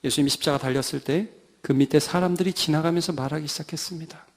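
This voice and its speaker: A male pastor preaching a Sunday sermon with dramatic swings, rising loud and then dropping to a hush. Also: on the high side, quick pace.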